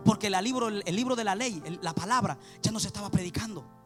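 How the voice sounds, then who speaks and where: A man's voice: high-pitched, fast, over music. A man preaching a fervent sermon in Spanish, repeating phrases and calling out to his beloved brothers. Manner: fervent, repetitive, addresses listeners as beloved brother.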